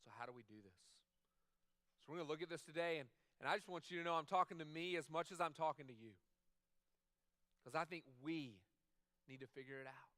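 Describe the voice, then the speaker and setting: High, bright-voiced male pastor preaching. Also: fairly quick, long pauses, dry recording, clean studio sound. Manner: conversational, repeats phrases for emphasis; acts out quoted dialogue in other voices. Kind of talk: sermon.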